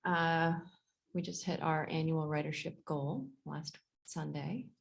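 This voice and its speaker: A woman's voice: sits low, little pitch movement, takes it slowly, creaky. A young adult woman giving a casual transit update on a video call, chatty, with lots of fillers and laughs. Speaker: transit agency staff.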